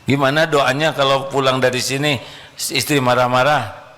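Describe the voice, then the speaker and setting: A man's voice: mid-range voice, flat delivery, normal speed, a bit bright. A male preacher, giving a sermon and playfully quizzing his audience. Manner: playful, questioning the audience directly.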